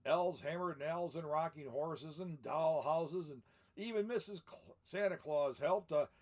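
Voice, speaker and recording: An older man storyteller takes on the persona of Santa Claus, reading from a picture book and dropping in homey, talkative comments. His voice sits a little high and carries vocal fry.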